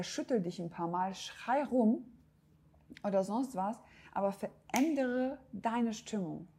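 A woman's voice: medium pitch, darkish tone, slightly rough. A woman hosting a self-help podcast, speaking directly to the listener in a coaching tone with frequent hesitations. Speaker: podcast host. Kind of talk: motivational self-help talk.

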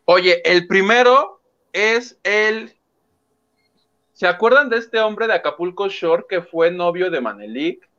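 A man's voice: high-pitched, expressive, takes it slowly, sharp tone. A Mexican man co-hosting a casual celebrity gossip chat in a playful, sweary way. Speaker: co-host. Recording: dull lo-fi sound.

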